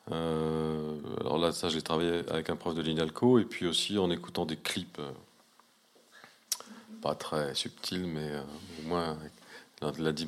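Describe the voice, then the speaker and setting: A man in casual conversation, speaking reflectively with many hesitations and restarts. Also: low voice.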